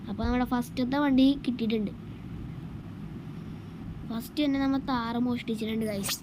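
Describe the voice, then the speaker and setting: A woman's voice: fairly high pitch, noisy background. A woman with a Malayali Kerala accent gives casual game commentary, mixing English words into Malayalam and often addressing viewers. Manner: addresses viewers repeatedly, repeats phrases. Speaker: gaming YouTuber.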